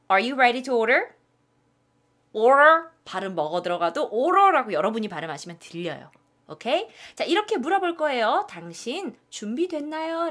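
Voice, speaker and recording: A woman teaching English restaurant phrases in a lesson, repeating each phrase slowly for learners. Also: mid-range voice, a bit bright. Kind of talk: spoken language lesson.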